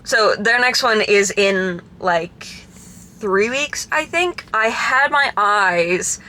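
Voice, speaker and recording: A woman's voice: mid-range voice, expressive, very slow, sharp tone. A young woman in her twenties talking casually to her camera from a parked car, rambling with many fillers. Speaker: vlogger. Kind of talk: casual vlog chat. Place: parked car in a parking garage.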